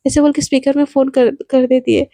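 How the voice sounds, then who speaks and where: A woman telling a romance story in a casual, animated and dramatic way, sprinkling in English words. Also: high voice, fairly quick, no echo.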